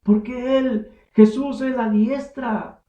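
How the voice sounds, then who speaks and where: A man with a Mexican Spanish accent, preaching as a pastor, moving between quiet musing and loud preaching and questioning the congregation directly. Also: extremely high pitch, steady tone, takes it slowly. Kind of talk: sermon. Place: small church hall. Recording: echoey, dull church recording.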